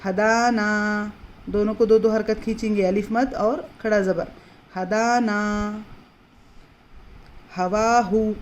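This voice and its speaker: A woman teaching Quran reading in a patient, explanatory way, repeating words slowly and drawing them out. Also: mid-range voice, dark tone. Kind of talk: slow explanatory lesson.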